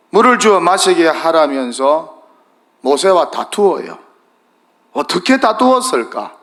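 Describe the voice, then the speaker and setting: A middle-aged male pastor preaching a sermon, asking the congregation question after question and letting his voice drop low and then rise again. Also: a bit bright. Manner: asks the congregation questions, rises and falls dramatically.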